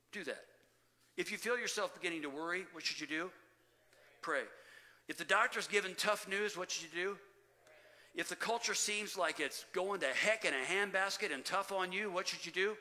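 In a church sanctuary with reverberant hall acoustics, a man preaches as pastor in a slightly high, sharp voice. He speaks forcefully to the congregation, frequently addressing them as loved ones, his voice rising and falling between pauses.

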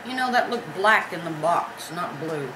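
A woman's voice: lowish voice, expressive, moderate pace. A middle-aged woman chatting casually while eating at a table at home. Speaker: challenge video participant. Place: indoors in a home dining room. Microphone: camera a short distance away. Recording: echoey room with clear background noise.

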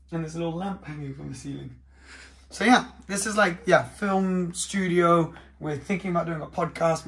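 Young man, casual house tour, gravelly edge, roomy echo, mic a bit distant. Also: on the high side, slight background noise. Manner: relaxed, chatty, many fillers, walking while talking. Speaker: vlogger giving a home tour. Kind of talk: casual chat. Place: indoors, modern house, moving room to room. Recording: echoey rooms, slightly distant mic.

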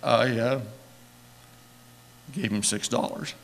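In a church sanctuary, an older man who serves as a church elder tells rambling, emotional stories in a folksy sermon, chuckling often. His voice is medium-pitched and slow, with vocal fry.

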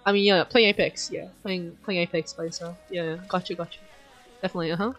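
A woman's voice: on the low side, fairly even intonation, fast, soft background music. A woman streamer chatting and teasing her teammates while gaming, laughing often. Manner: giggly, teasing. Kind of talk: casual gaming chat.

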